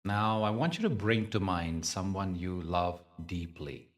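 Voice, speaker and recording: Very slow and deliberate, a man with a deep voice guides a meditation, gently pausing between phrases like a patient teacher. The microphone is placed some distance from him.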